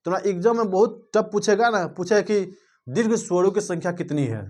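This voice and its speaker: A male teacher with a fairly high voice runs a grammar lesson. He keeps quizzing his students and asking whether they follow, and now and then stretches vowels out slowly to demonstrate length. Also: darkish tone. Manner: drills students with repeated questions and "clear?" checks; drawls words out slowly to show vowel length.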